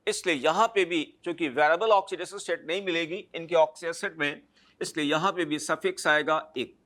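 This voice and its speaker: A man's voice: fairly high pitch, steady tone, normal speed, fairly bright tone. A man teaching a chemistry lecture, explaining step by step and checking understanding with short tag questions. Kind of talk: classroom lecture.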